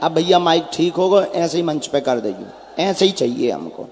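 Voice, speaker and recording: A man addressing a large crowd from a stage, calling people forward and giving calm, reassuring blessings. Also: on the high side, normal speed, slight background noise. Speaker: religious preacher on stage. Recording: echoey hall mic with long reverb.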